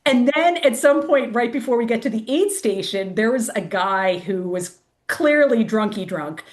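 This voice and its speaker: A woman's voice: on the high side, expressive, moderate pace. A woman guest telling a casual story in chatty speech, full of "like", acting out the voices of the people she quotes. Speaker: guest, race director.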